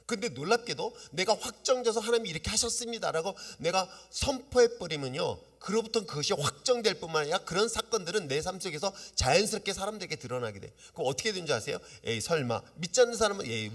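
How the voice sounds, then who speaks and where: A man preaching a sermon as pastor, lively and often asking his congregation questions. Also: high-pitched. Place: church sanctuary. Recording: long reverb of a church hall.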